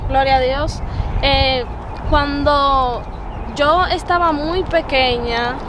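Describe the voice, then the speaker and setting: A young woman of twenty with a Dominican accent and a high, light voice tells her story. She talks earnestly and haltingly and often repeats herself. The recording is noisy, made outdoors with urban traffic behind her. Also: steady tone. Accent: Dominican Spanish. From Dominican Republic. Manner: earnest, hesitant, with many fillers and repeated words. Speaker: interview guest, preacher. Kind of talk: personal testimony interview.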